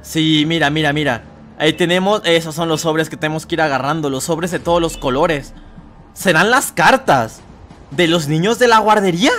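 A young man commentating a horror game as a let's player, talking to viewers and shouting at scares. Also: on the high side, moderate pace, faint music behind. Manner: excitable, shouts and screams at scares, chatty asides to viewers. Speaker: gaming YouTuber.

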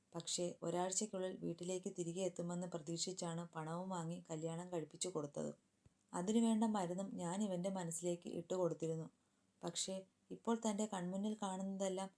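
A woman narrating a romance serial story in a steady, even reading manner. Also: on the low side.

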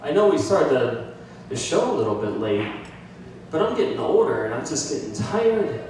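Filmed on a phone from the crowd, this comedy clip catches a thirtysomething man from the United States in a brick-walled little bar, speaking at a moderate pace in a fairly high voice. Using a handheld mic, he's animated and self-deprecating, doing voices for bits. The distant recording is echoey, with slight background noise and audience laughter.

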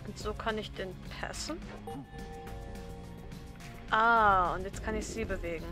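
Young woman, German accent, casual let's play, reads game text aloud, mid-pitched, soft music underneath. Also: measured pace. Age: young adult. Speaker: game streamer.

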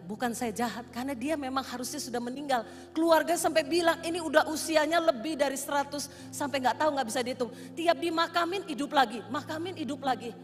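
A woman pastor preaching a sermon in a large church, telling stories that swing from hushed to shouted. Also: on the high side. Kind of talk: sermon with storytelling. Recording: long reverb of a church hall.

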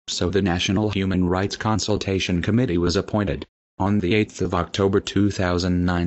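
A man from Australia with an electronically deepened, disguised voice, reading a defiant, declamatory protest statement as an activist spokesperson. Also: darkish tone. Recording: dull lo-fi audio.

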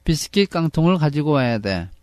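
A male reading teacher on a close, dry mic. He reads each English line very slowly, with lively, slightly high intonation. Then he translates it into Korean. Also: no room sound. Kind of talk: read-along lesson with translation.

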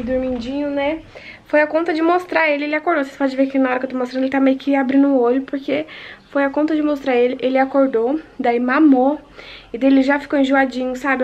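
A woman's voice: high voice, dull audio. A young woman from Brazil vlogging at home, chatting with her viewers and telling them about her day step by step on a handheld camera. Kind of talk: casual family vlog narration. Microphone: handheld vlog camera.

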